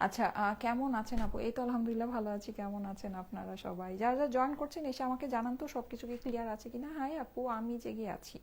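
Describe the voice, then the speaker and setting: A young woman with a Bangladeshi Bengali accent hosting a late-night live stream from home, chatting softly and reading out viewer comments as she shows off dresses. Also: fairly high pitch, fairly even intonation, fast, hardly any pauses. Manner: chatty, reads viewer comments aloud, keeps talking softly. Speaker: online clothing seller.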